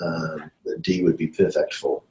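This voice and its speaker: A man's voice: extremely low pitch, little pitch movement, warm tone. A man on an echoey, breaking-up call. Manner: hesitant, many pauses and fillers. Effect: remote call line that breaks up, with echo. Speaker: university lecturer. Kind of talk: casual video call chat.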